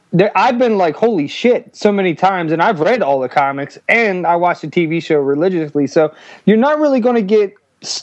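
Guest caller: a man, slightly high voice, eager and rambling, heard over a dull, dry call-in line. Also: no echo. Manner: eager, rambling, many restarts. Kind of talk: casual podcast chat.

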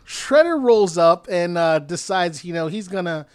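A man's voice: high voice, lively intonation, measured pace, noisy background. A man co-hosting a podcast, retelling a movie plot in a rambling, hesitant way with frequent laughs. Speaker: podcast co-host. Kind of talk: casual movie recap chat.

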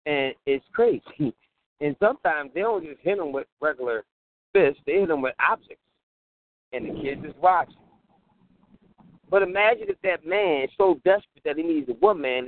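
A man co-hosting a talk radio show from a patchy phone line that fades in and out, talking in an animated way, chuckling and repeating himself for emphasis. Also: a little high. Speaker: radio show co-host calling in. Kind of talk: casual talk radio chat. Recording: tinny dry phone line.

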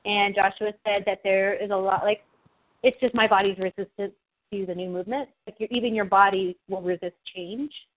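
A woman's voice: medium pitch, steady tone, moderate pace, dry recording. A woman chatting casually on a group call, rambling with many likes and you knows. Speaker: group discussion member. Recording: tinny phone-like call audio.

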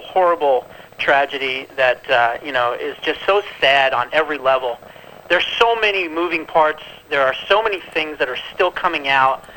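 A man's voice: fairly high pitch, sharp tone, a little hiss or hum, poor audio. A man calling in over a landline phone as a guest on a talk radio show, rambling through his commentary with plenty of fillers. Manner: rambling, thinking aloud with many fillers.

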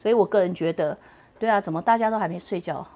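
A chatty woman hosting a relaxed late-night question-and-answer stream from home. She talks playfully, laughs often and slips English words in. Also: lowish voice, quick pace. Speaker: livestream host answering viewer questions. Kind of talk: casual late-night livestream Q&A.

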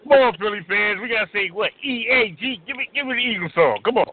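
A toothless middle-aged man, speaking high with mushy, stroke-altered articulation. He is a boisterous radio caller who repeats himself emphatically. The sound is a tinny, narrow phone line. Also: lively intonation, quick pace. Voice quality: altered speech after a stroke. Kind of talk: excited casual sports chat.

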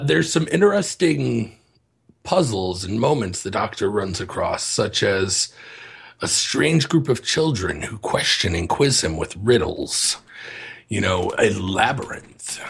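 Male podcast co-host with a rough, gravelly rasp and a low voice, loosely summarizing stories. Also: expressive, takes it slowly. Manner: reads a synopsis aloud, summarizes from memory. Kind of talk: casual chat.

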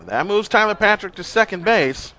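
Forceful, bright-voiced man calling baseball. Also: high voice, lively intonation, moderate pace. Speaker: baseball play-by-play announcer. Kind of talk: live play-by-play commentary, terse phrases.

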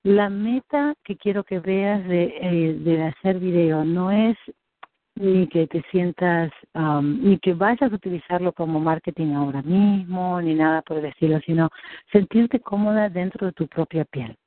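A woman's voice: lowish voice, unhurried, slight background noise. Woman business coach, encouraging, restarts a lot; narrow phone-like sound. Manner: encouraging, many restarts, acts out her own thoughts. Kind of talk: coaching conversation. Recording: tinny phone-like call audio.

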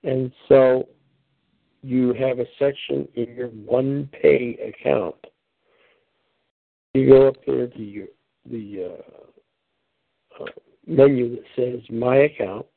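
A man with a gravelly voice hosts a conference call, heard through a thin phone line. He explains things patiently and folksily, with plenty of "um"s, and the sound is dry and close. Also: medium pitch, fairly even intonation, slow pace, long pauses, dry recording. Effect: heard over a phone line. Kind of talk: answering questions on a call.

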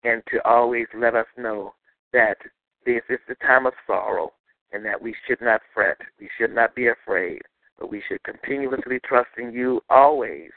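A man's voice: mid-range voice, moderate pace, dry recording. A man finishing a spoken prayer on a phone line, asking for protection and trust.

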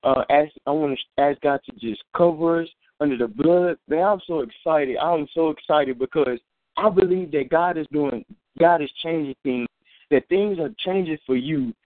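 A preacher whose voice is on the high side speaks at a moderate pace, with no echo, on what sounds like a dry, tinny phone recording. He delivers his testimony and sermon earnestly and informally, circling back to restart and repeat phrases.

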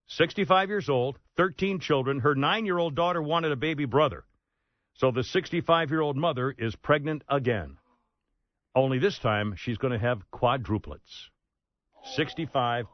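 A man's voice: on the high side, dry recording, dull audio. Sarcastic, rambling male radio host. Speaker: radio talk show host. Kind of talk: casual talk radio banter. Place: radio studio. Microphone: studio microphone.

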